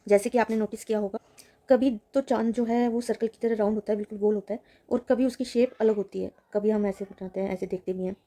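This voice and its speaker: A woman teaching a children's reading lesson, reading lines slowly and then explaining them in Hindi. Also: medium pitch, fairly even intonation, warm tone. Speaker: English teacher.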